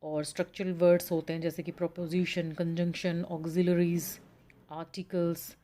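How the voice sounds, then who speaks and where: An Indian woman teaches an English pronunciation lesson, her voice slightly low and mellow. She explains patiently, reading the English lines slowly and then walking her students through them. Her tone stays steady and instructional.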